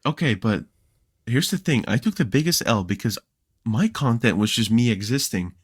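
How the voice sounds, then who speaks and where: A young man talking as a podcast guest, telling stories in a relaxed way with lots of fillers and restarts. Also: mid-range voice, normal speed, slightly rough, dry recording, clean studio sound. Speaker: podcast guest, Minecraft creator. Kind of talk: casual podcast chat.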